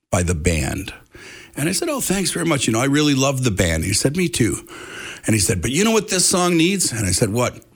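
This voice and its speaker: A musician from Canada being interviewed, telling a story in a casual, animated way, acting out conversations. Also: male voice, medium pitch.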